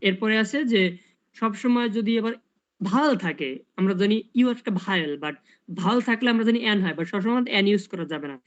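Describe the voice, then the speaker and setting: Fast-talking man tutoring English grammar. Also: high voice, muffled recording. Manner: explains step by step, asks rhetorical questions. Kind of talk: casual online tutoring.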